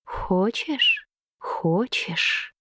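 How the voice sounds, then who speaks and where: A woman voicing a seductive, half-fish female river creature, speaking in a slow, coaxing whisper. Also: a little high, wildly swooping pitch, bright, forceful tone, slightly rough, dry recording, studio quality, heavily acted.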